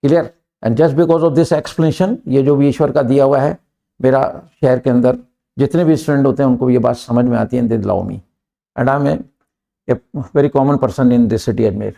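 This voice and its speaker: A middle-aged Indian man teaches grammar, switching between Hindi and English. His voice is gravelly and dark, and he slows right down to dictate each example sentence. He keeps checking with his students by asking "clear?". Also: medium pitch.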